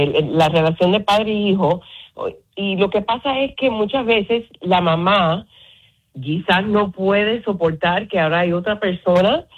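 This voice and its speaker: A woman's voice: on the low side, breathy edge. Woman psychologist over a phone line. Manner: calm, explanatory, mixes in English words. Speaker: psychologist guest. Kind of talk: explaining on a radio talk show.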